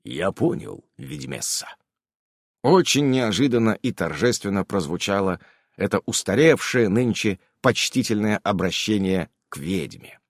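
A man narrating an audiobook in a measured storytelling manner. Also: fairly low pitch, no echo, studio quality. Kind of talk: scripted narration.

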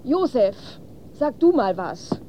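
A woman's voice: a little high, big pitch swings, takes it slowly, background noise. An actress playing an anxious, worried mother in a radio play, fretful and pleading.

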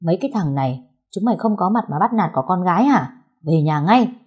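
A woman voicing a stern middle-aged auntie in a story, with sharp scolding. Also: fairly low pitch, lively intonation, a little fast, breathy edge.

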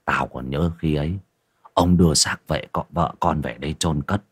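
A man's voice: extremely low pitch, normal speed, breathy edge, no echo, clean studio sound. A man voicing a blunt, crude, middle-aged village tavern keeper in an audiobook. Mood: somber. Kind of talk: audiobook character voice.

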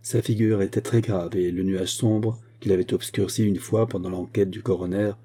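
A man narrating a classic novel in a steady, measured audiobook reading. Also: on the low side, slightly rough.

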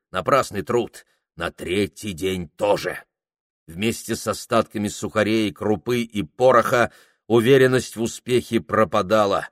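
A man reads a novel aloud with slow, deliberate pacing and a measured delivery. The recording is dry and close, with no room sound. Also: fairly low pitch, dry recording. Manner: measured, unhurried literary reading. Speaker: narrator. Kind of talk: audiobook narration.

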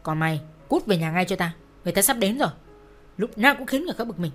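A woman voicing a cruel, shrill middle-aged mother who screams insults in a storybook reading. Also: lively intonation, fast talker, faint music behind. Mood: screaming. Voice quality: shrill, sharp-tongued.

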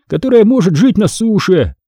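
A mocking, teasing boy, as a male reader puts him on, pitched well up and swinging through a lively range. His smug jibes sit on a dark, husky tone. The recording is dry and close. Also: normal speed, dry recording, heavily acted. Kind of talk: audiobook character reading.

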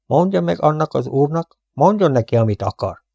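Brief: male reader as a jumpy, impatient prince, raised pitch, mellow and dry. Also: big pitch swings, vocal fry, no echo, muffled recording, full character voice. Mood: agitated. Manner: agitated, eager, raised voice. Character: excitable impatient nobleman, a prince.

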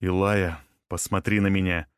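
Narrator as a shaken cop, firm and urgent, low and dry. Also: male voice, level tone, moderate pace, clean tone, no echo, close to an everyday voice. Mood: urgent firmness. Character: man, shaken police detective.

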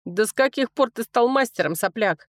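A woman's voice: fairly high pitch, expressive, normal speed, dry recording, pitched above the performer's own voice, close to an everyday voice. A brash young man from a storybook who scoffs and bristles, voiced by a woman reader. His lines come out brusque and pushy. The recording is dry and near. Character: brash, mocking young man, hot-tempered.

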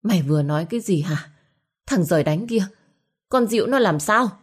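A woman's voice: lowish voice, normal speed, close to an everyday voice. Woman playing a wailing, cursing sick old man. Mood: furious. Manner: moaning, then shouting curses.

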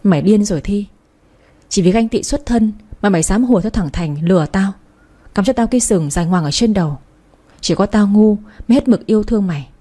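A woman's voice: mid-range voice, lively intonation, fairly quick, dark tone, natural voice. Woman reading a furious betrayed older sister. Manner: angry, accusing.

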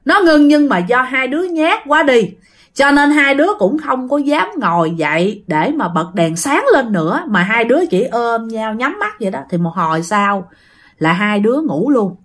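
A woman's voice: a little high, animated, moderate pace. A woman with a Southern Vietnamese accent telling a spooky story in a chatty, casual way, talking straight to her listeners. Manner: chatty, addresses listeners directly. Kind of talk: casual ghost story narration.

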